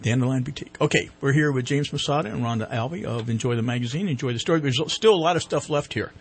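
A man's voice: mid-range voice, fast, husky. Casual male radio host. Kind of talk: casual radio chat with live sponsor reads.

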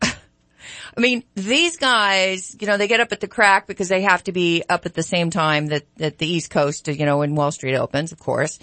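A woman's voice: fairly low pitch, normal speed, sharp tone, no room sound. A woman radio co-host talking casually and reflectively in a rambling, ad-libbed way on a studio microphone. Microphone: studio broadcast microphone.

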